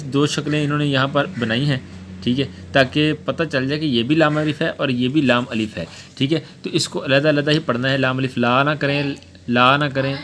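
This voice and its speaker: A man's voice: mid-range voice, a bit bright, a little hiss or hum. A man teaching Quran reading, patiently spelling out letters one by one for pupils to repeat. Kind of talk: spoken Urdu lesson.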